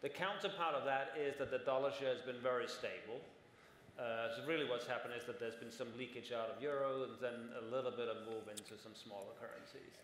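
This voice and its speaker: A man in his forties, speaking as a conference panelist on stage in a large hall, explains at length and keeps checking in with "right?". His medium-pitched voice is fairly bright and brisk, the hall adds long reverb, and there's slight background noise.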